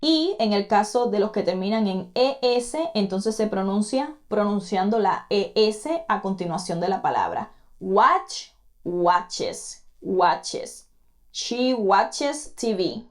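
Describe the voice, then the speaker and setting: A woman with a medium-pitched, darkish voice teaches English pronunciation in an online lesson. She patiently and slowly repeats each word to model it, speaking directly to the student and encouraging them to repeat after her.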